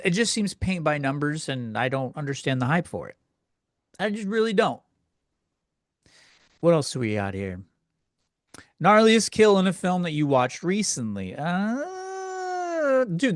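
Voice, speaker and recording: A slightly high male voice comes through on a dry recording with clean studio sound. The podcast host rants casually and crudely in a solo comedy segment, rambling conversationally and running himself down while answering listener questions.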